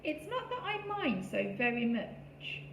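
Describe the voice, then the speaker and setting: A man's voice: extremely high pitch, very animated, slow pace, gravelly, fairly bright tone, roomy sound, a little hiss or hum, heavily acted, low-quality recording. Woman voices a kindly older male park gardener, playful, chuckling, for a storybook. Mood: mock growly.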